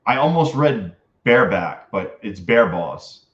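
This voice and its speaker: A man's voice: on the low side, unhurried. Frat-bro male streamer, echoey lo-fi sound. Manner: frat bro talk, slangy and excitable. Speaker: livestream host, day trader. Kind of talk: casual livestream chat. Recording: dull lo-fi mic in echoey room.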